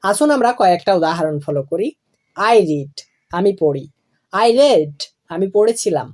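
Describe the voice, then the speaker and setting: Slow, deliberate woman teaching grammar. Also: fairly low pitch, lively intonation, a little mellow. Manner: slow and deliberate, spelling out each form. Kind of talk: classroom explanation of verb forms.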